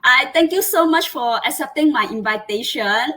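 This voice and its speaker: A woman's voice: high voice, animated, moderate pace, sharp tone. A woman from Malaysia, hosting a live online interview over a video call in an earnest way, with many fillers and restarts. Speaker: host.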